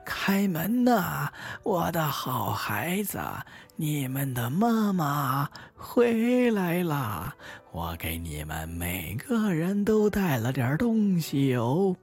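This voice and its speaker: A man doing a sly wolf in fake falsetto. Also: huge pitch swings, slow, few pauses, slightly rough, faint music behind, heavily acted. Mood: scheming. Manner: sugary falsetto with a sly edge. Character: sly hungry male wolf faking a mother's voice.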